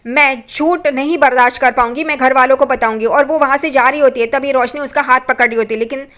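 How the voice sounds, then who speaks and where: A woman's voice: high voice, fairly even intonation, fast talker, a bit bright. A woman casually retelling a TV serial episode, with plain, repetitive storytelling. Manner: plain storytelling, repeats phrases like "yahan pe". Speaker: TV serial recap narrator.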